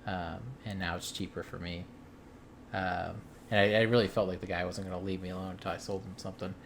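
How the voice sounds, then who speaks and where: A man from the US Midwest with a lowish voice tells a story in relaxed, rambling vlog chat. He fills the gaps with ums and uhs and restarts his sentences, sounding amused by it all. A faint room ambience sits behind him. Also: fairly quick, gravelly, a little hiss or hum. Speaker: video game collector vlogger. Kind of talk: casual chat.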